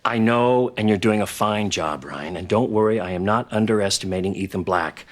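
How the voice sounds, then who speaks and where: Man playing a calm, firm businessman father. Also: on the low side, close to an everyday voice. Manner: calm, measured, reassuring. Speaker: father of Ryan. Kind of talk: soap opera acting.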